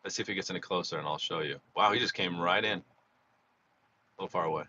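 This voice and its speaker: Low-voiced and quick, this slot vlogger sounds pushed and bright as he rambles through a live monthly recap while getting over a cold. He chats casually outdoors near a freeway and restarts a lot. Recording quality is slightly dull, with faint freeway noise.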